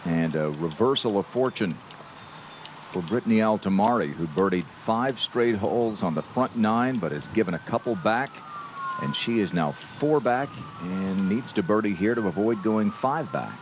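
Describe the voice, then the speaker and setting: A man's voice: lowish voice, lively intonation, normal speed, noisy background. A man anchoring live golf commentary as the lead announcer.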